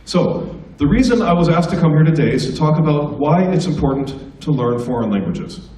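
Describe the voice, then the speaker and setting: A middle-aged American man, a stand-up comedian visiting a school assembly, teases the students and tells funny stories in a slightly high, mellow voice. His intonation is lively and his pace fairly quick, heard from a distance in an echoing hall.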